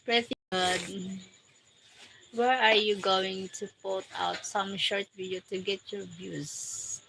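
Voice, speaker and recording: A woman with a Filipino accent chatting casually on a livestream, reading viewers' names and comments aloud in halting English and laughing often. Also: medium pitch, fairly even intonation, creaky, sharp tone, slight background noise, poor audio. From Philippines. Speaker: live streamer.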